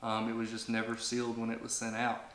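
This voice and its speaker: A man's voice: mid-range voice, monotone, quick pace, a bit bright, reverberant. A man in his thirties hosting a family vlog, talking casually to camera and rambling with lots of fillers and restarts. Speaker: vlog host.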